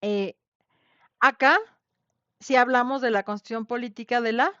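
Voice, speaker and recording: A Mexican-accented woman gives an informal online lecture, chatting with her students and often tacking on tag questions to check in. Her slightly high voice is pushed and bright, with fairly even intonation at a moderate pace. There's no room sound, though the class audio is dull and lo-fi.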